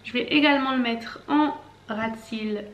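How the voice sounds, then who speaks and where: A woman's voice: on the high side, moderate pace, background noise. A woman in her twenties, a makeup vlogger chatting casually and explaining each step as she goes. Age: 20s. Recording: echoey room, faint background music.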